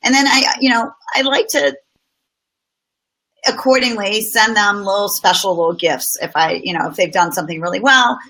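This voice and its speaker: Speaking at a moderate pace in a mid-range, somewhat bright voice, a middle-aged woman guests in a relaxed interview about business. She thinks through her time at work carefully, drawing on plenty of her own examples. The audio is poor.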